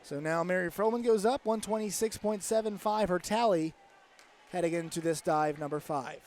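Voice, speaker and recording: A man giving live commentary at a diving championship, briskly announcing each diver and score. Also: high voice, a little mellow.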